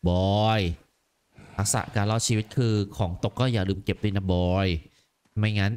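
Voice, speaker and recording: A man voicing a stern, gruff warrior god who is a father, giving low, curt commands. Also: level tone, moderate pace, darkish tone, natural voice. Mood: instructive.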